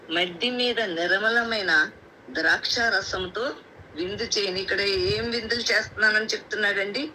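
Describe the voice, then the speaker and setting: Her voice is medium-pitched, pushed and bright, coming through poor audio with faint conference-call noise. This lay preacher from Andhra Pradesh, India, speaks with a coastal Andhra Telugu accent, delivering a Bible sermon point by point on a group call while repeating phrases and asking rhetorical questions.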